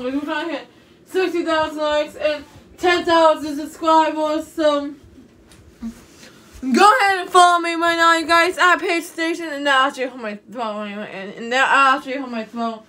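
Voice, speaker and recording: A young woman talks to viewers in a casual, rambling vlog, recorded on a phone camera propped near her in a small room. Despite a sore throat, her high voice is steady, pushed, and bright, and her pace is unhurried. She repeats herself and uses many fillers.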